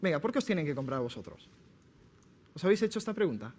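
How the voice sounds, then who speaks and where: A man from Spain giving a sales seminar to entrepreneurs, lively and quizzing his audience. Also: on the high side, rapid-fire. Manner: lively, questions the audience directly. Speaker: speaker at a business talk. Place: seminar room.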